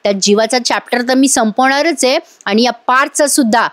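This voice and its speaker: A woman's voice: a little high, normal speed, no echo, natural voice. Woman reading as a furious bitter young woman. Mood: angry. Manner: sharp, scolding speech.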